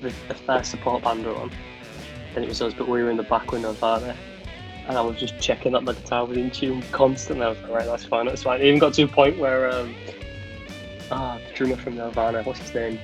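Rambling chatty guitarist, laughs a lot. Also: male voice, mid-range voice, little pitch movement, fast, music in the background. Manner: rambling, laughs often, fond storytelling. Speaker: band guitarist. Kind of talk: casual chat.

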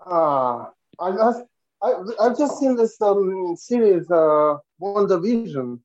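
Halting speaker, slightly muffled sound. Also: medium pitch, animated, darkish tone, no room sound. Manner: halting, searching for words. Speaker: discussion panelist. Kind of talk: casual chat. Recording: slightly dull, muffled online call.

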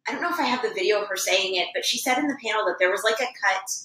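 A woman co-hosting a podcast in casual chat, talking in rapid, excitable stories. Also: mid-range voice. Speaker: podcast co-host. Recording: echoey room, mic a bit distant, faint noise.

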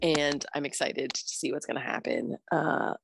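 A young woman co-hosting a podcast in casual chat, her voice rough from being sick, chatty and laughing often. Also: low voice, normal speed, slight background noise. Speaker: podcast co-host.

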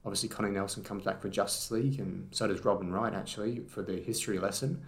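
A man's voice: fairly low pitch, steady tone, fast. A man co-hosting a casual film rewatch podcast, talking enthusiastically with many fillers and restarts. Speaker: podcast co-host.

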